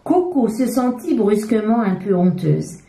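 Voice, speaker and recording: A woman reading a children's story aloud in an expressive, animated storytelling manner. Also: medium pitch, unhurried, creaky, reverberant, faint music behind.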